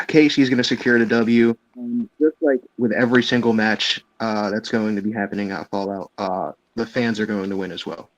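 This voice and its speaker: A man talking casually as a wrestling show panelist, halting but emphatic, on a dull, noisy mic. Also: on the low side, fairly bright tone. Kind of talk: casual in-character panel talk.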